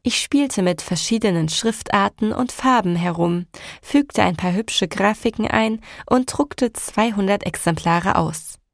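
Gravelly woman reading a novel. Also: medium pitch, unhurried, no room sound, studio quality. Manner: even, storytelling. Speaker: audiobook narrator. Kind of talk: first-person audiobook narration.

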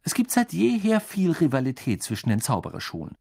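Brief: Mann spricht besserwisserisches Schulmädchen, zügig belehrend, lebhafte Melodie. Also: male voice, a little high, wildly swooping pitch, gravelly, mellow, pitched above the performer's own voice, exaggerated voice. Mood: lecturing. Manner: brisk and lecturing. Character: clever know-it-all schoolgirl.

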